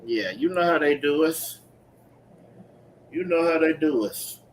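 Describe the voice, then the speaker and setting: With a slightly high, unhurried voice, a man preaches and unpacks scripture emphatically, repeating phrases and checking on his listeners. He's leading a scripture teaching in a street-preaching style sermon with call-and-response reading, captured in a clearly noisy recording full of ambient sound.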